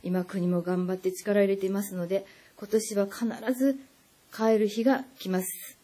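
A woman's voice: medium pitch, steady tone, normal speed, warm tone. A woman reading a heartfelt recorded message to an old friend, earnest and pleading. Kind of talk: read personal message.

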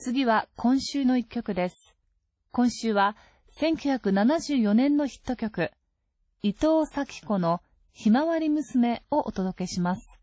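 A woman announcing a radio program in a calm, formal, scripted way. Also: a little high, slow, no room sound.

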